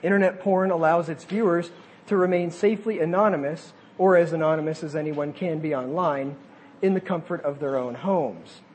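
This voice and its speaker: A man's voice: a little high, moderate pace, a little mellow, a little hiss or hum. A man preaching a sermon, reading quotes aloud and breaking off to add casual asides.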